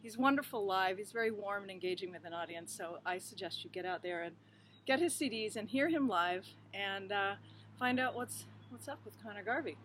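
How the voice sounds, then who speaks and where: A woman's voice: mid-range voice, animated, fairly quick, fairly bright tone, slight background noise. A woman hosting a casual interview, bubbly and enthusiastic. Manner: bubbly, enthusiastic, laughs often. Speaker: host.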